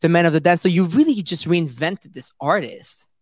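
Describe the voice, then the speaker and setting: A man's voice: on the high side, lively intonation, normal speed, no room sound, studio quality. A male host interviewing an artist, chatty and enthusiastic, laughing often. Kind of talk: casual interview chat.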